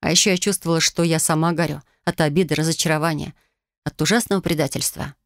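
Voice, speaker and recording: A woman's voice: deep voice, fairly even intonation, fast talker, creaky, no echo, clean studio sound. A woman narrating a first-person audiobook in an emotional, dramatic reading style.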